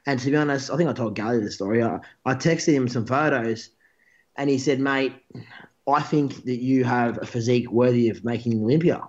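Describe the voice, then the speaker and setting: A man's voice: mid-range voice, brisk, a little mellow. A man in his thirties with an Australian accent, a bodybuilder casually telling long stories in an interview, often restarting his sentences. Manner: rambling storyteller, restarts a lot. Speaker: interview guest, pro bodybuilder. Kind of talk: casual chat. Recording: dull, lo-fi sound.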